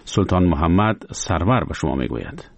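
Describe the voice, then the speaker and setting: A man anchoring a news report, formal with lively intonation. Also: low-pitched, creaky, no echo.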